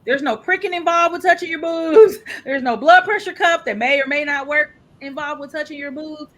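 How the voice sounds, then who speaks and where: Speaking at a normal pace in a high, fairly bright voice, a woman guest shares her own experience candidly and with animation during a casual interview.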